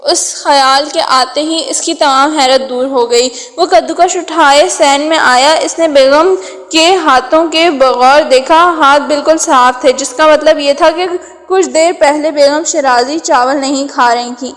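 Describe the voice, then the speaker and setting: High-voiced woman narrating a thriller. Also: a bit bright. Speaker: audiobook narrator. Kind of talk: scripted novel narration. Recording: long hall reverb.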